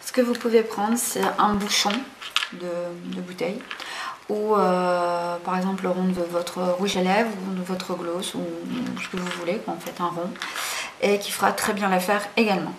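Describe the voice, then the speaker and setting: A woman's voice: lowish voice, little pitch movement, moderate pace. Chatty hesitant woman in a roomy room. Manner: chatty, hesitant, many fillers and self-corrections. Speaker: craft tutorial host. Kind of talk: casual spoken craft tutorial. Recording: roomy echo, faint background noise.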